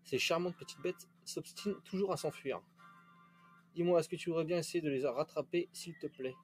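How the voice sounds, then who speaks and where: A man's voice: a little high, moderate pace, darkish tone, soft background music, close to an everyday voice. A man reading out the lines of a cheerful, curious male professor from a game. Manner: reading game dialogue aloud.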